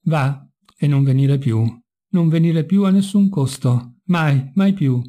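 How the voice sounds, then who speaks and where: A man's voice: on the high side, slow, warm tone. A man voicing a very old, stern man who gives a curt command, in a read-aloud novel. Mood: dismissive.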